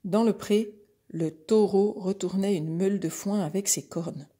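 Slow-reading breathy woman storyteller. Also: medium pitch, dark tone. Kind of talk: reading a children's story aloud.

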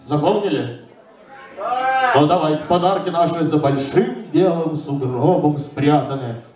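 A man's voice: on the high side, a little slow, darkish tone, lightly acted. A man playing jolly, forgetful old Grandfather Frost as a kids party magician at a live New Year show. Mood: playful, coaxing. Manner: kids party magician, coaxing children through magic words. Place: banquet hall, indoors. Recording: roomy, distant camera pickup with music.

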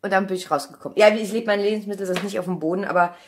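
Talking very fast at medium pitch with fairly even intonation, a vlogger chats informally to the camera from her home kitchen, thinking out loud with her phone held at arm's length. The handheld vlog audio is noisy and has clicks.

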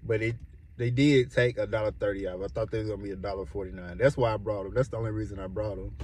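A man's voice: lowish voice, steady tone, fast, a little mellow, slight background noise. Laid-back man reviewing snacks. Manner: laid-back, chatty, repeats himself, chuckles often. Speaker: food reviewer. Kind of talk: casual product review vlog.

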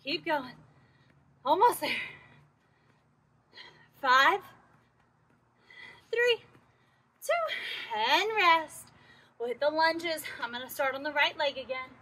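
A woman's voice: high voice, animated, slow, pauses often, sharp tone. A woman fitness instructor leading a workout class, counting down intervals and urging people on while out of breath herself. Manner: encouraging, counts down intervals, works out while talking.

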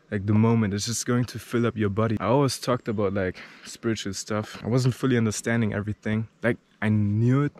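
A German-accented travel vlogger in his twenties, with a fairly low, slightly mellow voice, talks casually and a bit breathlessly to a handheld camera held at arm's length while climbing a rocky mountain trail. He rambles, using lots of fillers and swearing. The outdoor camera audio carries clearly audible background noise.

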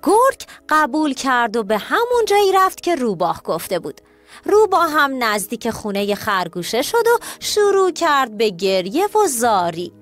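A woman narrating children's stories in a scripted, animated way, talking directly to the kids. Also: high-pitched. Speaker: storyteller. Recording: soft music bed.

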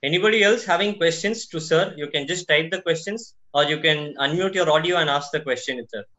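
A man moderating a webinar Q&A, briskly calling on attendees by name. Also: on the high side, pushed and bright. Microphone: video call mic. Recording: muffled lo-fi webinar audio.

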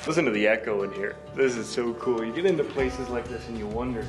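A man's voice: mid-range voice, fast, music in the background. A man hosting a fishing show, talking in awe as his voice echoes inside a hand-dug rock tunnel. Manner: awed, exclaiming. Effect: echoing inside a rock tunnel. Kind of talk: casual outdoor chat.

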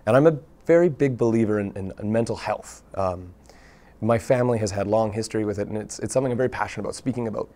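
Gravelly guy on a local tv chat show, eager storyteller, keeps restarting his sentences. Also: on the low side, quick pace. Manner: earnest, animated storytelling with frequent restarts. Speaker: guest, local theatre artist. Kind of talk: casual interview talk. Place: TV studio.

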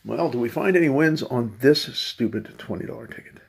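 A man's voice: mid-range voice, lively intonation, a little fast, creaky, husky. A man hosting his own lottery video, talking to himself in a wry, sarcastic running commentary as he scratches tickets. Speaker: channel host.

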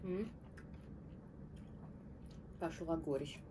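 A woman's voice: low-pitched, very slow. Woman chewing with her mouth full. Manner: short remarks between bites with appreciative hums. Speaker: mukbang host. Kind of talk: casual eating chat. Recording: distant mic with background noise.

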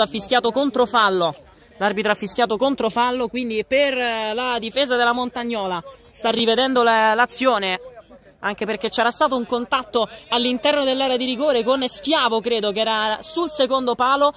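A man giving excitable, breathless live football commentary. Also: very high-pitched, brisk. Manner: excitable, breathless running goal-action commentary. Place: outdoor floodlit football ground at night.

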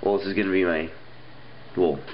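A young man who is getting sick, his nose stuffy, rambles casually while reviewing phone games at a wooden table indoors, with lots of ums and restarts. His low voice moves briskly with fairly even intonation. The audio is dull, with slight background noise.

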